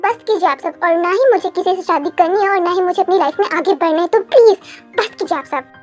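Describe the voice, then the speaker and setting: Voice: extremely high pitch, a little fast, soft background music. A reader voicing a cold, curt young male CEO in a fan audio drama. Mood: pleading. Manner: curt, sarcastic.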